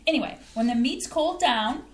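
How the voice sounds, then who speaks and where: On a small community playhouse stage, a woman with a high, animated, brisk voice reads the part of a cheerful mother proudly explaining her home recipes. Her delivery is chatty, folksy and eager to please, with reverb and slight background noise.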